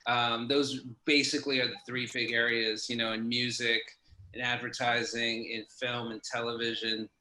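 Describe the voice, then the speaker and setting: Bright-toned New man, echoey room. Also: mid-range voice, level tone, moderate pace. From New York. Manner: thoughtful, many fillers and restarts. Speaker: guest. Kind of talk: casual interview talk.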